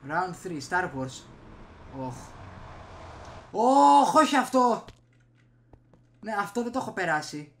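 A man's voice: high-pitched, very animated, long pauses, a bit bright, slight background noise. A young man giving casual gameplay commentary, muttering and reacting in short bursts. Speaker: gaming streamer. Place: small room indoors at home. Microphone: desk USB microphone.

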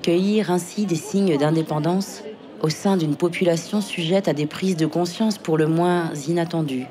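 Woman, low voice, mellow tone, measured poetic narration. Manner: measured, literary delivery.

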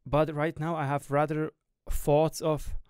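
A young Swiss gaming YouTuber and streamer with a German-tinged accent gives a reflective monologue to camera, his slightly high, smooth, a little mellow voice moving in a sing-song way yet with little pitch movement overall. He's candid and thoughtful, often pausing to find the right English word. Wearing a headset, he speaks close to a studio boom mic in a small home gaming room, and the recording is dry and close.

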